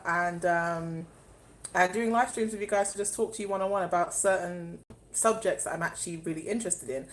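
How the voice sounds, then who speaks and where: A woman's voice: on the low side, poor audio. Chatty young woman live-streaming. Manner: chatty, rambling, reads out viewer comments. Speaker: spiritual vlogger doing a live stream. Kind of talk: casual live-stream chat to viewers.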